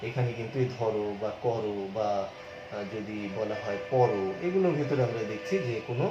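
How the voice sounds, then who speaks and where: A man's voice: fairly low pitch, normal speed, music in the background. A middle-aged male teacher giving a patient grammar lecture, explaining step by step and repeating key terms and example words. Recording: muffled, echoey room with faint hum.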